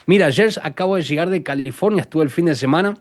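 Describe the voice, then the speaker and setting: A man from Argentina with an Argentine accent, a guest telling animated stories in a conversational interview. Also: on the high side, quick pace, dry recording, clean studio sound. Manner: animated storyteller, acts out quotes.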